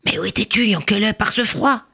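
A woman voicing a gentle, pious father who speaks softly and solemnly to his son. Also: mid-range voice, brisk, gravelly, slightly rough, voice pushed up, full character voice. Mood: tender.

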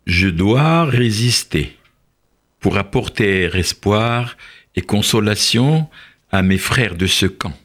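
A storyteller voicing a venerable older male rabbi who speaks slowly and solemnly to comfort his fellow prisoners in a storybook tale. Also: low-pitched, animated, a bit bright, voice pushed down, full character voice. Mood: weary. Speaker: rabbi in a camp. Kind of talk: storybook read-aloud.

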